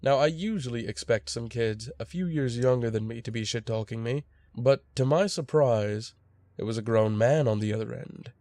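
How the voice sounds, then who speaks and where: A man's voice: mid-range voice, normal speed, a little mellow, dry recording. A young man narrating a true scary story in a casual, wry storytelling voice.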